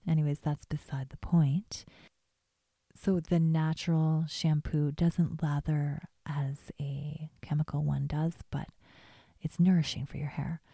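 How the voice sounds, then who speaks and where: A woman whispering casual beauty and hair tips in a gentle, chatty ASMR vlog, often trailing off mid-thought. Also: deep voice, flat delivery, unhurried, vocal fry, breathy edge, dry recording, studio quality. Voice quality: soft whisper. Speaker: beauty vlogger.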